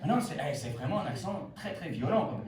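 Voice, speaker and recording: A man's voice: fairly high pitch, fairly quick, crowd noise. Stand-up man on a roomy live stage. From Belgium. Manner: animated, mock-outraged storytelling with put-on accents. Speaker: stand-up comedian. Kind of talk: stand-up comedy set. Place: comedy stage before a live audience. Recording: roomy live venue, mic at a distance, audience noise.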